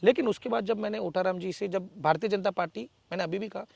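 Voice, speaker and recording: A man answers interview questions in a forceful, defiant manner, pressing his points with emphatic rhetorical questions. His voice sits high and carries a gravelly rasp. The recording is dry, with no room echo. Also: fast. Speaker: local political figure, interviewee.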